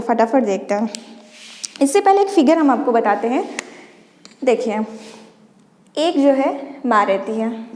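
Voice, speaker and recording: High-voiced woman teacher in an echoey room. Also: a little mellow. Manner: explains step by step, often says "dekhiye" to prompt listeners. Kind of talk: exam-prep mnemonic lesson. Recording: echoey room with long reverb.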